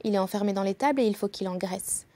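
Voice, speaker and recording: A woman's voice: medium pitch, fast, warm tone, close to an everyday voice. A woman voicing a wicked, greedy old witch who eats children, speaking sardonically. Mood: commanding. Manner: sneering, sardonic.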